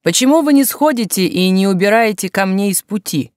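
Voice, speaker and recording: A woman voicing a gruff, angry male policeman who barks orders at a crowd. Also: lowish voice, lively intonation, moderate pace, no room sound, studio quality, lightly acted. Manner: barking, shouting orders.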